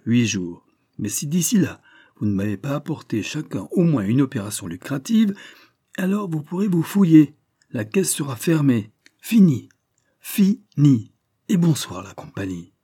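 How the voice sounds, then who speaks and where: Guy putting on a big bossy detective chief, pompous and bullying, pitched up and loud over his usual dark husky voice, dry close sound, audiobook. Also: very animated, normal speed, no echo. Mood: scolding, bossy. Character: blustering burly middle-aged male detective boss.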